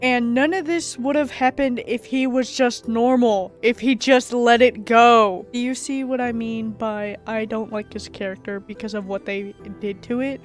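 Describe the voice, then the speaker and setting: A woman narrating a video essay as excited reaction commentary, gushing and exclaiming, with bursts of loud excitement. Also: a little high.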